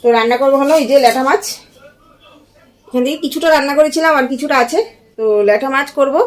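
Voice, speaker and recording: A young woman talks through her household chores for a home vlog. Her voice sits high and light, friendly and conversational, and she speaks directly to the people watching. Now and then she slips into soft baby talk for her infant nearby. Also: fast. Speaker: vlogger and young mother. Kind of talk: casual home vlog narration to viewers. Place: at home, bedroom and kitchen.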